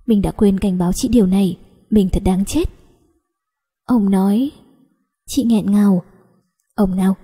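A woman reads a first-person story aloud in a very dark, mellow voice with a husky, breathy edge. She tells it softly and without hurry, and a long reverb trails each phrase. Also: medium pitch, measured pace, pauses often. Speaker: audiobook reader.

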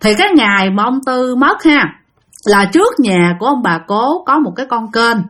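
A woman's voice: on the high side, expressive, normal speed, a bit bright. A woman with a Southern Vietnamese accent telling a spooky story in a chatty way, speaking directly to her listeners.

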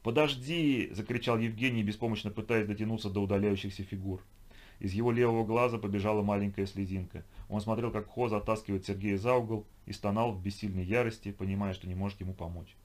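A man narrating an audiobook in a measured, even manner. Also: lowish voice. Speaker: audiobook reader. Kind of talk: scripted narration.

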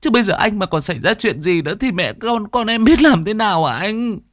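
A man's voice: high-pitched, animated, fairly quick, a bit bright, no room sound, studio quality, pitched above the performer's own voice. A man voicing an anxious young wife who pleads with her husband in a raised voice. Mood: pleading. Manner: pleading, worried.

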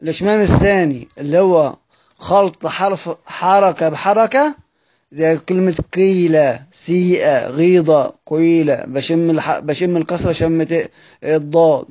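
A man's voice: on the high side, moderate pace, a little mellow. A man with an Egyptian accent teaching a recorded lesson, explaining step by step and putting questions to his students before he answers them. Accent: Egyptian Arabic. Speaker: Quran recitation teacher. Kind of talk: recorded study-circle lesson.

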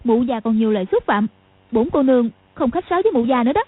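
A woman's voice: a little high, expressive, fast, slightly rough, dry recording. A woman voicing a brash, proud young woman who talks back sharply, for an audiobook. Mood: defiant. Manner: sharp, insolent. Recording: tinny lo-fi audio.

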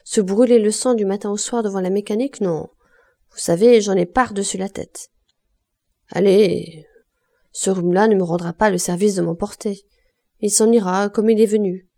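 A woman putting on a worn-out young laundress with a bitter, reckless streak. She tells her tales brashly and cynically, in a warm, mellow tone. It is the reader's own voice, barely changed. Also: mid-range voice, fairly even intonation, moderate pace, lightly acted. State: hoarse cough.

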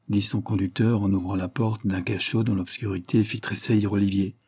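A man reads a classic novel aloud with a steady, measured storytelling delivery. His voice is low, mellow and a little husky, giving the narration a soft, dark tone. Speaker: audiobook narrator.

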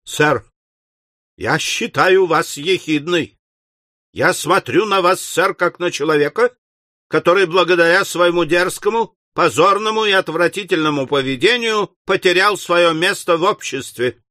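Audiobook figure: man playing a self-important editor, lofty and slow. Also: high-pitched, sharp tone, no echo, clean studio sound, pitched above the performer's own voice. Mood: denouncing. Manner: pompous, formal denunciation. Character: pompous, indignant male newspaper editor.

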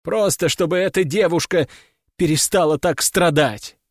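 A man reading a first-person fantasy audiobook in a wry, even storytelling manner. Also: on the high side, moderate pace, dry recording, studio quality. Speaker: audiobook narrator.

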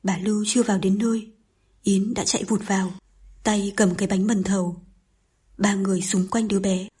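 A woman narrates a story in a calm, steady way. Her voice is mellow and warm-toned, with a strongly husky, breathy grain throughout. The characters' dialogue gets only a light touch of voicing. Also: medium pitch, normal speed. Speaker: audiobook narrator. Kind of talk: scripted narration.

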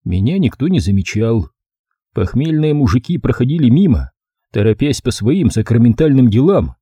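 Guy reading an audiobook, deep dark husky voice, dry close mic. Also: big pitch swings, moderate pace, dry recording, dull audio. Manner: wry first-person narration. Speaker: narrator.

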